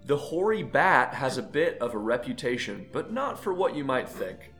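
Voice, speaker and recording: A man's voice: medium pitch, very animated, moderate pace, a bit bright, faint music behind. A man hosting an animal quiz, reading playful clues and teasing the contestants. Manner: jokey, teasing, laughs between lines. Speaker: quiz host.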